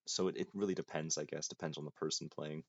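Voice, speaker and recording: A young man with a very deep voice talks through a game in a dry, self-mocking way, half muttering to himself. The sound is dull and lo-fi, close and dead dry with no room around it. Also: steady tone, fast talker, dry recording. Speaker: gaming YouTuber. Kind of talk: casual gameplay commentary.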